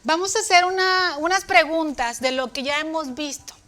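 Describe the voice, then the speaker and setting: Bright high-voiced woman preaching to children. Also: normal speed, soft background music. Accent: Latin American Spanish. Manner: addresses children tenderly, booming when quoting commands. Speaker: children's church teacher. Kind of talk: children's sermon.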